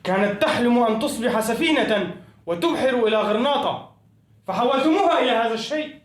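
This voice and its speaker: A man's voice: very high-pitched, expressive, quick pace. A man playing a grandiose, self-styled Andalusian craftsman and poet who speaks in lofty formal phrases with Spanish greetings. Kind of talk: comedy sketch acting. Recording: echoey room, voice from off-mic.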